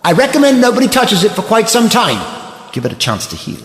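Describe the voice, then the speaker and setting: A man's voice: high voice, wildly swooping pitch, fairly quick, a bit bright, a little hiss or hum, exaggerated voice. A man acting in an audio drama as an eccentric, principled, commanding alien time traveller, with precise, theatrical, wordy delivery. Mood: matter-of-fact, firm. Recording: echoey, reverberant, music underneath.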